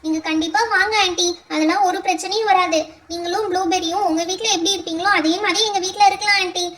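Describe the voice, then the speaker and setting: A sweet, earnest little girl in a doll play coaxes and pleads, as a woman voices her. The pitch is very high and the tone bright and sharp. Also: steady tone, fast. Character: kind-hearted little girl, a loyal friend. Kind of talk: doll pretend-play voice acting.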